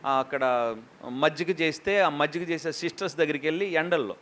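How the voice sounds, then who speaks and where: A man preaching a lively sermon as a pastor, questioning the congregation and acting out quotes. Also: fairly high pitch, brisk.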